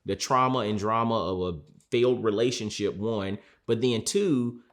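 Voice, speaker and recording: Male mindset coach, lowish voice, earnest and measured, repeats key words for emphasis. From Georgia, USA. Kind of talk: reflective sit-down talk.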